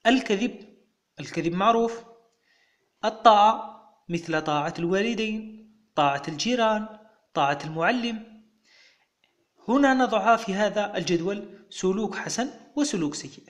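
A man's voice: high-pitched, lively intonation, normal speed, long pauses. A man with a Moroccan Arabic accent, a teacher patiently walking young pupils through exam answers step by step.

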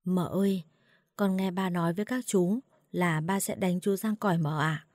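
Timid frightened boy, read by a woman, hushed, pleading, low-pitched, dry. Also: steady tone, moderate pace, no echo, natural voice. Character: young adopted son, timid and frightened.

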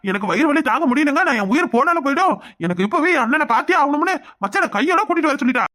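A woman's voice: sits high, animated, fast talker, fairly bright tone. A woman voicing a flustered young husband in a cartoon comedy, who pleads in a panic. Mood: panicked.

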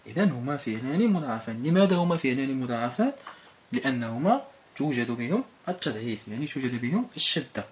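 A man with a Moroccan accent teaching a primary school Arabic lesson, explaining and repeating each word form slowly. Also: mid-range voice, sing-song, slight background noise.

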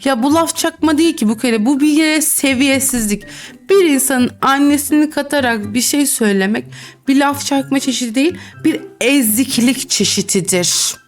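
A young woman chats through a game in a casual, giggly way, teasing players and reading their lines aloud. Her voice sits fairly high. Faint music plays behind her. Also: normal speed. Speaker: gaming YouTuber. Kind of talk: casual game commentary with role-play.

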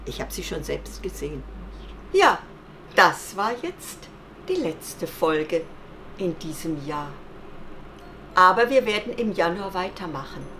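Animated, slow-telling woman storyteller. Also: on the low side, slight background noise. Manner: expressive, dramatic, speaks directly to children. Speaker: children's storyteller. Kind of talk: kamishibai storytelling for young children.

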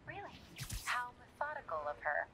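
A composed young woman investigator speaks in a dry, matter-of-fact way, as in a naturalistic video game scene. There is clear noise around her voice. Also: a little high, big pitch swings, brisk. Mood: dry, concerned.

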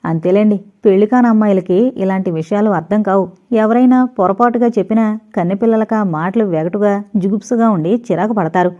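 A woman's voice: mid-range voice, fairly quick, warm tone, dull audio, lightly acted. A woman voicing a playful, teasing young married man in an audio novel, talking in a chatty, mock-innocent way.

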